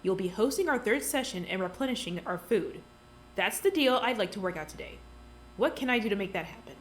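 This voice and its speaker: A woman voicing a scheming doctor in charge who talks in a smooth, patronizing, insistent way, in a fan audio drama. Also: medium pitch, expressive, fairly quick, a little hiss or hum, close to an everyday voice. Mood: coolly insistent.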